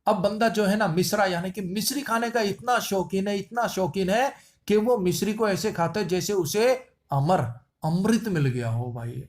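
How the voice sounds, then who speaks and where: A man gives a memory-trick quiz lesson on general-knowledge answers, using playful wordplay and repeating lines. His voice is high-pitched and his speed normal.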